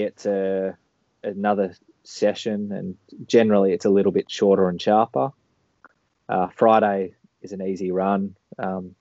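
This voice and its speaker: A very deep-voiced man chats casually in a rambling, laid-back way. His tone is gravelly and fairly flat. The audio is a dull, lo-fi call. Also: no echo. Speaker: podcast guest, marathon runner. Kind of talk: casual interview chat.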